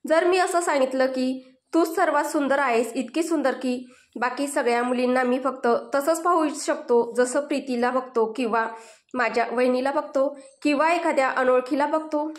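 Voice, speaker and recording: A woman's voice: high-pitched, moderate pace, lightly acted. A woman voicing a teasing young husband. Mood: tender. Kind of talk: storybook narration. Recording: roomy echo.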